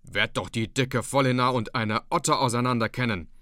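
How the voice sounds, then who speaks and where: Man putting on a booming old dike reeve. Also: moderate pace, no room sound, clean studio sound, natural voice. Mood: grumbling. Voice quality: booming bear-like voice. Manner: loud, raised and jovial. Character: gruff old male dike reeve, blustery. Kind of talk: audiobook reading.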